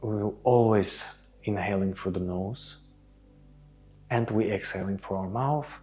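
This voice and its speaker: A man's voice: on the low side, a little slow, mellow, faint music behind. Reassuring male breathwork instructor. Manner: reassuring, instructional, often checking with "okay?". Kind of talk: guided group breathwork instruction.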